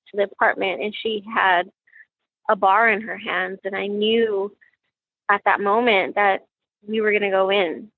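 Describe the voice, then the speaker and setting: A middle-aged woman, a grieving mother, recounting a painful memory in an interview, halting and emotional with many pauses and fillers. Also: mid-range voice, no room sound. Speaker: mother of a murder victim. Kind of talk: personal account in an interview. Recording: tinny phone-like sound.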